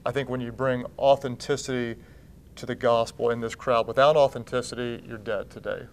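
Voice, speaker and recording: Man in his thirties, pastor guest, earnest, restarts his sentences, lapel mic, faint rumble. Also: steady tone, brisk. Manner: earnest, gestures with both hands, many restarts. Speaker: pastor and church founder. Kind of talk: TV interview guest. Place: TV studio set with blue drapes.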